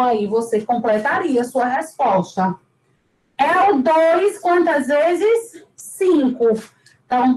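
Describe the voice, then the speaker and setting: A woman with a high voice explains a math lesson at an unhurried pace. She goes over each step patiently and repeats the main points with emphasis. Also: darkish tone, reverberant, poor audio. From Brazil. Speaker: math teacher.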